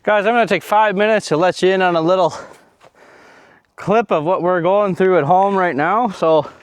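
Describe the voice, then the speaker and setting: With a clear, resonant, high-pitched voice at normal speed and no echo, a young homesteader chats to his action camera in a snowy yard. It's casual vlog talk, a little out of breath, full of fillers and asides that trail off.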